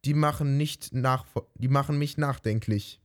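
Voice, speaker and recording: A man's voice: mid-range voice, moderate pace, lightly acted. A man voicing a good-natured, trusting female mouse who wonders earnestly in a fairy-tale reading. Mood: puzzled.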